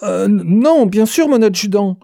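A reader voicing a cool-headed male soldier who leads his squad with calm, insolent composure, in an audiobook. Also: medium pitch, measured pace, creaky, dry recording, clean studio sound, pitched above the performer's own voice. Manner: unflappable, calmly insolent. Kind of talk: audiobook character voice.

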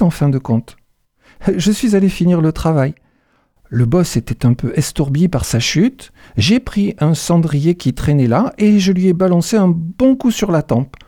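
A man's voice: on the high side, dark tone, no echo, studio quality, exaggerated voice. A man doing a smug scheming businesswoman. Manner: smug, taunting, deliberate. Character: scheming ambitious female executive, cold and mocking.

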